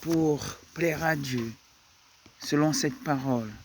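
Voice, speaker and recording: A man preaching a sermon, slow and halting, often repeating words as he searches for the next one. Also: on the high side, slight background noise.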